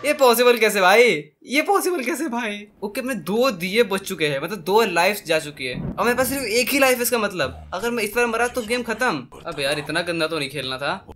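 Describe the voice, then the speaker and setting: Young male gaming streamer, high-pitched and jumpy, chatters through a horror game with slang and English words, faint background hum. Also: brisk, few pauses. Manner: excitable, yelps and shouts at scares, talks to himself; mixes English into Hindi slang.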